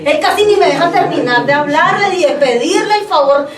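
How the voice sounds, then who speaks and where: A woman pastor giving a lively sermon testimony, telling her story to the congregation and calling them brother. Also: very high-pitched, a little fast, a crowd in the background. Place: church hall. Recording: echoey hall, distant mic, background noise.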